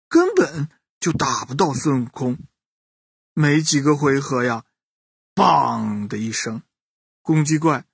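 A man narrating a children's bedtime story in an animated way, speaking straight to the children listening. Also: a little high, breathy edge, no echo, studio quality. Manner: animated, addressing children directly.

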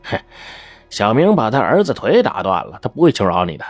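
一位男性说书人演绎一个油滑、爱巴结又大惊小怪的混混男子。. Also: male voice, lowish voice, fairly quick, no room sound, faint music behind. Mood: scaremongering. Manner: fawning, scheming, excitable. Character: sly wheedling male small-time hustler.

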